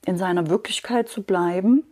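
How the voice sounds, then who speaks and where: A woman's voice: medium pitch, normal speed, a little mellow. A woman interviewer who sums up and affirms what her guest says, agreeing often. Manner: affirming and summarizing, with frequent agreement. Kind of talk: conversational interview.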